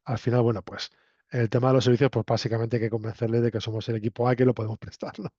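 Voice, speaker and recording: Speaking very fast in a warm, mid-range voice with a level tone, a university lecturer from La Mancha, Spain addresses his students in Castilian Spanish. He explains things conversationally, often checking understanding with quick tag questions. Sound quality is dull and lo-fi, with noticeable room echo.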